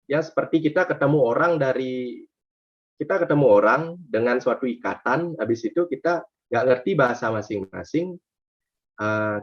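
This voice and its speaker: A man, a tour guide, talks through his answers in a casual, hesitant way, full of fillers and restarts, and he livens up when he mimics his guests. His voice sits at an ordinary middle pitch, and the recording sounds slightly dull and lo-fi. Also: husky.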